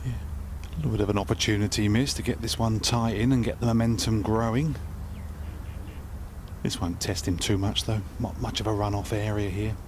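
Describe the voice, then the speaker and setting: A man's voice: lowish voice, steady tone, moderate pace, a little mellow. A man working as a golf commentator, giving live commentary on play. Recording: noisy outdoor broadcast.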